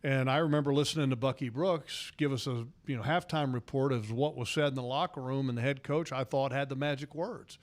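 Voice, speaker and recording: A man's voice: mid-range voice, fairly quick, hardly any pauses. A man giving casual sports commentary as a radio analyst, with repeated words and emphatic asides.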